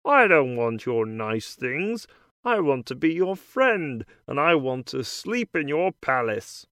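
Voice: medium pitch, big pitch swings, takes it slowly, a bit bright, dry recording, clean studio sound. A storyteller voicing a small, ugly frog who pleads earnestly. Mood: pleading.

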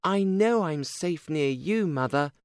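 A man voicing a polite, timid little girl in a storybook reading, with a raised, gentle voice. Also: on the high side, expressive, a little slow, clean tone, no room sound, studio quality, pitched above the performer's own voice.

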